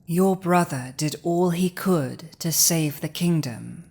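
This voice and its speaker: A woman voices a villainous, commanding female dragon in a dramatic ASMR audio roleplay, intense yet softening toward compassion, here sounding stunned as she pieces things together. Her voice is very low for a woman, darkish and unhurried, with weighty pauses that give each phrase imposing, dramatic gravity.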